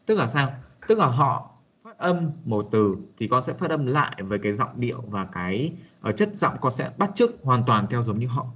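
A man's voice: medium pitch, sing-song, moderate pace, a bit bright, highs cut off. A man teaching a casual spoken English lesson, hesitant with many fillers, talking to a young student. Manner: hesitant, many fillers, addresses listener as a child.

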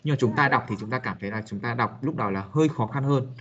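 A man's voice: mid-range voice, fast, a bit bright, breathy edge, dull audio. A man teaching a casual spoken English lesson, hesitant with many fillers, talking to a young student. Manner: hesitant, many fillers, addresses listener as a child.

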